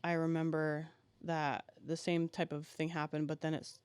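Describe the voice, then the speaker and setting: Halting, emotional man telling a story. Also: fairly high pitch, completely flat delivery, clean tone, dry recording. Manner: halting, emotional, many fillers and restarts. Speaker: podcast guest. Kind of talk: candid personal storytelling.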